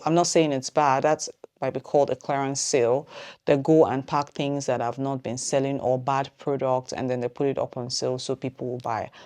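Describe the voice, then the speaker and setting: A woman's voice: rumbling low, darkish tone. A woman who owns a small business, giving casual vlog advice and thinking aloud with plenty of ums. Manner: says she is talking fast.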